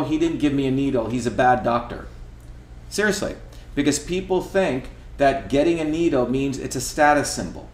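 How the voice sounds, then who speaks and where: A middle-aged man from India, talking while he cooks in his home kitchen, emphatic and lecturing, often asking "okay?" to drive his points home. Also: medium pitch. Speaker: host. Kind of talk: casual talk while cooking. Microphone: camera across the kitchen. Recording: echoey kitchen room.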